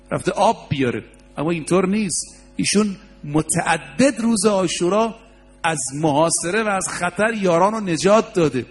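A man preaching a religious sermon, telling stories with quoted dialogue and rising emphasis. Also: sits high.

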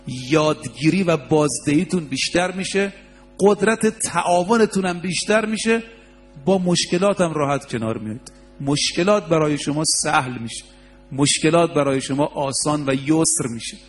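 A man's voice: on the high side, lively intonation, faint music behind. A man preaching a religious sermon, telling stories with quoted dialogue and rising emphasis.

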